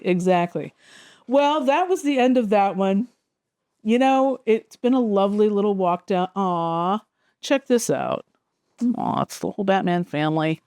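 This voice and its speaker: A woman's voice: low-pitched, dark tone, dry recording, clean studio sound. A woman hosting a casual, rambling chat as a comic book collector, flipping through old issues with an amused tone.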